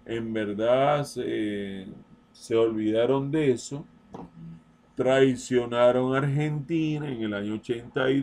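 Male commentator, very slow measured delivery, insistent and repetitive, mid pitch. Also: darkish tone. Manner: slow, deliberate, repeats points emphatically; addresses listener directly, insistent. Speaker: political commentator. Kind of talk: open-letter political monologue.

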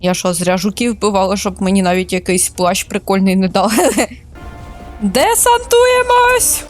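A woman streamer chatting casually while playing a shooter for the first time, excitable, squealing and laughing at surprises. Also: mid-range voice, brisk, soft background music. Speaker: gaming streamer. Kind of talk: casual let's-play commentary.

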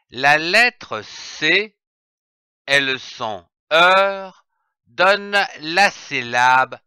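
A man teaching young children to read, spelling out letters one by one and repeating each syllable slowly. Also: fairly high pitch, bright, forceful tone, smooth, no room sound, studio quality. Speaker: reading teacher. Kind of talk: slow, deliberate reading lesson for young children.

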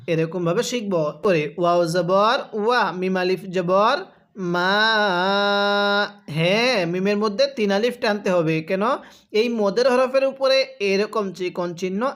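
This man from Bangladesh has a high-sitting voice. He is teaching Quran reading, breaking words into syllables and reciting verses slowly and drawn out for students to echo.

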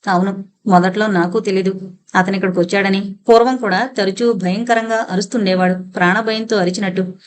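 A woman narrator voicing a calm, solemn man who speaks in a measured, grave way in an audio novel. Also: high voice, natural voice. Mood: reasoning. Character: grave, calm middle-aged local man.

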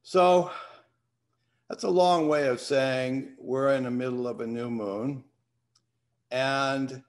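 Over a video call from his home study, an older man hosts with a medium-pitched voice, unhurried and reflective. He chats casually and reads a poem aloud, picked up by a webcam mic.

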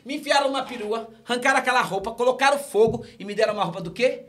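A man with a Brazilian Portuguese accent and a high voice tells his testimony as a pastor would. He performs the story and slips into the voices of the people he met. It has the pull of a sermon, set in a relaxed podcast studio. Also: rapid-fire, slight background noise.

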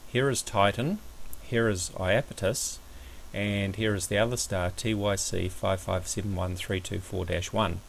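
A man giving a measured, somewhat hesitant step-by-step explanatory commentary over a screen recording, as an amateur astronomy presenter. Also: lowish voice, fairly even intonation, creaky, a little hiss or hum, low-quality recording.

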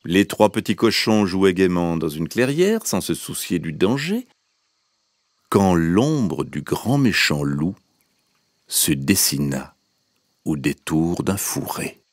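Man reading a kids' story, slow, animated, with music playing. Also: deep voice, dry recording. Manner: expressive, slow and deliberate. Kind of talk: storybook narration for children.

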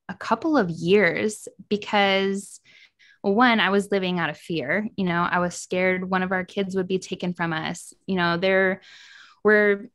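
A woman's voice: mid-range voice, a bit bright. A woman talking as a guest on a podcast, speaking in an earnest, heartfelt way in casual chat.

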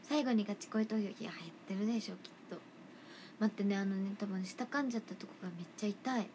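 A young woman idol chatting casually on a livestream, reading fan comments in a playful, chatty way that sometimes drops into soft whispers, close to the mic. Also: mid-range voice, fast talker, slight background noise.

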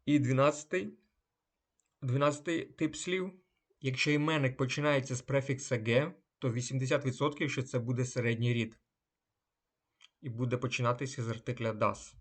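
In a relaxed lesson, a man draws out German example words one by one, then gives their meanings. His voice is medium-pitched with fairly even intonation.

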